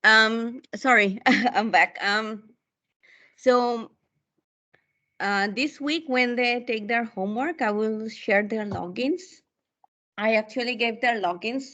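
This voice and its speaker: A woman's voice: a little high, slow pace, pushed and bright. A woman homeroom teacher talking with parents in an online meeting, polite and reassuring. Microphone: video call.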